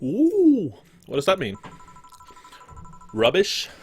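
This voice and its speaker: A man's voice: mid-range voice, unhurried, sharp tone, faint music behind. A young man giving casual, rambling let's play commentary and swearing freely. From Sweden. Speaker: gaming streamer. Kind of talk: let's play commentary, reading game text aloud.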